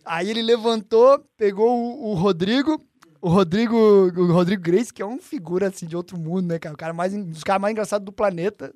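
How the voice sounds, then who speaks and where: A Brazilian man with a fairly high voice tells a story in a relaxed podcast chat. He is slangy and animated and swears freely, acting out what other people said. The sound is dry and close. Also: fairly quick, no echo.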